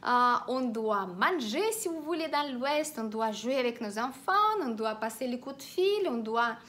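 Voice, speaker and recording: Lady explaining feng shui, slightly high voice, lots of euh and restarts. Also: expressive, unhurried, a bit bright. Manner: hesitant, many filler sounds and restarts; instructive, repeats directives. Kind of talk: explanatory online teaching.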